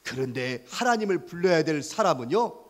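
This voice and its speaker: A man telling a Bible story to a children's class in an animated, storytelling sermon. His voice sits high and moves widely in pitch, and he keeps asking the children questions. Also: moderate pace. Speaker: Sunday school preacher.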